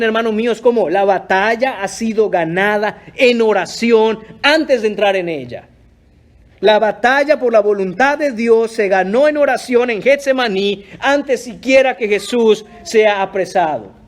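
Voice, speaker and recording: A man's voice: high-pitched, moderate pace. A pastor preaching a sermon in an earnest, emphatic way, often addressing his listeners as brothers. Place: church.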